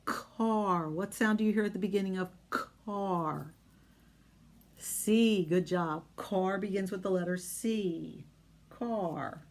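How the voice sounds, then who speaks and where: A woman teaching young children phonics, slowly modeling sounds in an exaggerated way and asking encouraging questions. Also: medium pitch. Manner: encouraging, question-and-answer talk with pauses.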